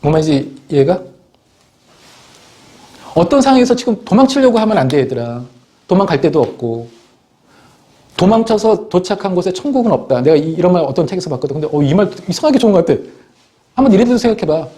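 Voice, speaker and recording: Animated, stammering male teacher. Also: on the high side, fast talker, pauses often. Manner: animated, scolding, acts out students and parents in quoted voices; stammers and restarts often. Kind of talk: motivational classroom talk.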